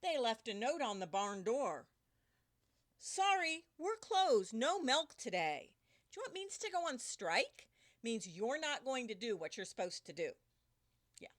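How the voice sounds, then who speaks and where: A woman teacher reading a picture book aloud to children indoors, animated and stopping often to ask the children questions. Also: a little high, normal speed.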